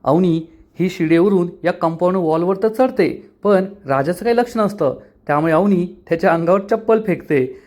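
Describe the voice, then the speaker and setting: A man's voice: high-pitched, moderate pace, a little mellow. A man narrating a recap of a TV serial episode, retelling the story with quoted dialogue.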